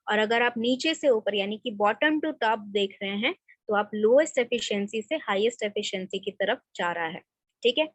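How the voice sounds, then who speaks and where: A woman college lecturer teaches an online class from a home or office desk, explaining in Hindi mixed with English and frequently checking in with "theek hai". Her voice is a little high, captured with no echo by a computer mic during screen share, with the highs cut off.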